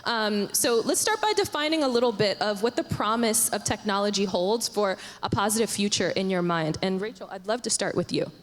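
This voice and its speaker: A woman moderating a panel discussion on a conference stage, speaking in a measured way. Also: medium pitch, expressive. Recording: reverberant conference hall.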